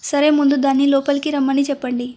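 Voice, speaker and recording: A woman's voice: high-pitched, little pitch movement, quick pace, dark tone, natural voice. A woman voicing an irritable young husband who speaks curtly and dismissively. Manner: curt, dismissive.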